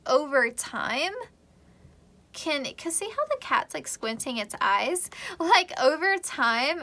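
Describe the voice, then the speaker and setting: Bright-voiced chatty woman reading tarot. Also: fairly high pitch. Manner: chatty, rambling, laughs often, many fillers. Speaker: tarot reader. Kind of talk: casual pick-a-card tarot reading.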